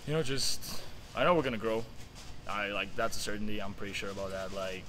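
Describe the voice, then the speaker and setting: A young man speaks quickly in a low, fairly flat voice, earnest and casual, leaning on "you know" and "like". He is recorded close up outdoors at night beside tennis courts, with clear outdoor noise behind him. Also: rough recording. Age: young adult. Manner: casual, filler-heavy, earnest. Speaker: college tennis player. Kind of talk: post-match interview.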